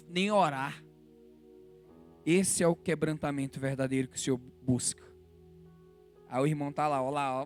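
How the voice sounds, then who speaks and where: A Brazilian man preaching a sermon in church, swinging between fervent exhortation and low, intimate confession, with soft instrumental music behind him. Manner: emotional, rises to fervent exhortation then drops low and intimate. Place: church sanctuary.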